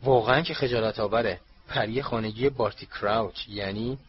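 A man's voice: lowish voice, breathy edge. A man voicing an eager, self-assured middle-aged wizard official who talks insistently, on a dull lo-fi recording. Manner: insistent, raises voice to a shout.

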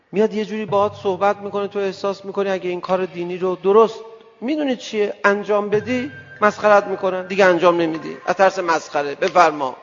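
A male preacher giving an emphatic sermon to a gathering, firing rhetorical questions at the audience and swinging between loud outbursts and soft asides. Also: sits high, gravelly. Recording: dull lo-fi sound with long hall reverb and faint music.

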